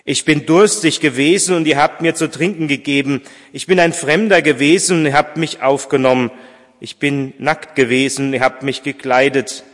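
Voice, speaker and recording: A man reading aloud as a gentle divine voice, hushed and solemn, in a reverberant church. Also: fairly high pitch, steady tone, moderate pace, pitched above the performer's own voice, lightly acted.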